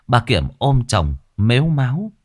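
A man narrating a ghost story in a dramatic, lively way. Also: mid-range voice, unhurried, no room sound, studio quality.

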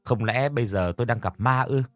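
A man narrating a first-person ghost story in a steady, measured storytelling manner. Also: medium pitch, no room sound.

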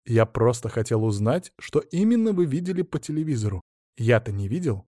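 A man's voice: medium pitch, very animated, brisk, warm tone, no room sound, clean studio sound. A man reading an audiobook, voicing a persistent male detective who questions firmly and matter-of-factly. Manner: firm, persistent, matter-of-fact. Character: firm male police detective, adult.

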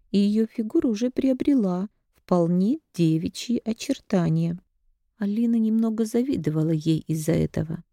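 A woman narrating a dramatic first-person story, her delivery reaching high for shouted lines. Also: no room sound, studio quality. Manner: dramatic reading, voices rise for shouted quotes.

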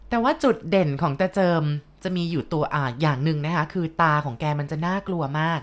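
A woman with a lowish voice narrates a ghost story. She tells it conversationally, with chatty asides to the listener.

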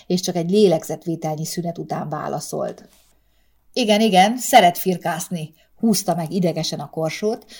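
Brief: female narrator, lowish voice, calm measured storybook reading. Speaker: audiobook narrator. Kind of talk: scripted narration.

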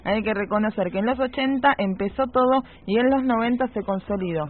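A woman, reading listener messages on a radio show in a brisk, matter-of-fact way. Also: fairly high pitch, slight background noise. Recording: tinny radio broadcast.

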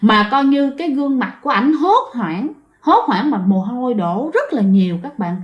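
A woman's voice: on the high side, sing-song, moderate pace, highs cut off. A woman with a Southern Vietnamese accent, casually telling a ghost story and speaking straight to her listeners. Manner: chatty, addresses listeners directly, frequent fillers.

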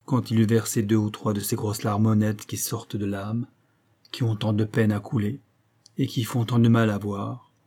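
A man narrating a nineteenth-century story as an audiobook, measured and expressive. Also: fairly low pitch. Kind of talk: literary audiobook reading.

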